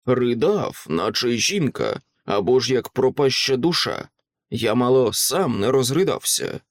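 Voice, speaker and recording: A man voicing a frightened, loyal older male butler who speaks in a hushed, uneasy way. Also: medium pitch, big pitch swings, measured pace, no echo, clean studio sound. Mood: shaken.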